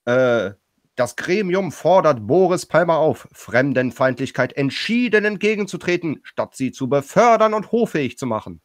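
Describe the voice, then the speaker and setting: A man's voice: on the high side, no echo, clean studio sound. A man hosting a casual panel podcast, reading out news items and commenting with many hesitations. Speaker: podcast host.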